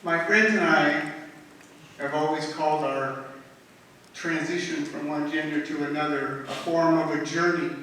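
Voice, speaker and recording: A woman reading her own rhymed poems at a talent show in a measured, rhythmic way. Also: deep voice, pushed and bright. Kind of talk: poetry reading. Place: talent show stage in a hall. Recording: echoey hall recorded from far off, faint noise.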